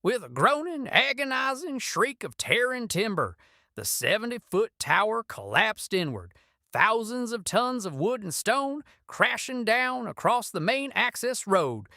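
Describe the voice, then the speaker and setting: A woman's voice: fairly high pitch, sing-song, measured pace, sharp tone, no echo, clean studio sound. A woman narrating a frontier adventure story in an intense, scripted style.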